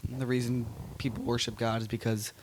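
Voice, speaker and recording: Young dude on a podcast, halting and hesitant, like-this-like-that, medium voice. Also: male voice, medium pitch, flat delivery, darkish tone, a little hiss or hum. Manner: hesitant, lots of fillers. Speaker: podcast co-host. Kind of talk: casual chat.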